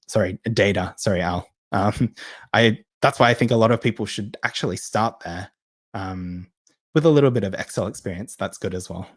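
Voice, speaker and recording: Chatty low-voiced man answering questions. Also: dry recording. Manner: chatty, reads out viewer questions, many ums and restarts. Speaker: host of a live Q&A session. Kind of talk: casual live-stream Q&A.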